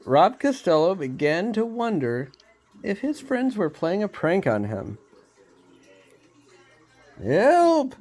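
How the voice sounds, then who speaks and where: A man reading a storybook aloud, unhurried, with small slips he laughs off. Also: high voice, big pitch swings, a little mellow.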